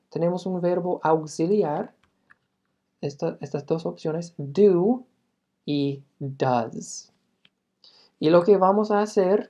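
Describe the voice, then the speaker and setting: A woman's voice: low-pitched, dark tone, lo-fi sound. A woman teaching a beginner English lesson, explaining step by step and patiently, with filler sounds between phrases.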